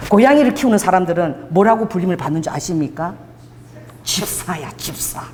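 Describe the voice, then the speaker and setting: A woman pastor delivering a sermon in an animated, conversational storytelling manner. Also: mid-range voice, in a large hall, slight background noise. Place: church hall.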